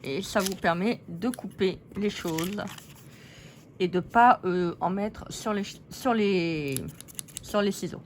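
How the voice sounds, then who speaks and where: A woman's voice: medium pitch, slow pace, slight background noise. A woman hosting a casual scrapbooking tutorial, chatty and giggly, poking fun at herself as she works. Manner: chatty, giggly, self-mocking.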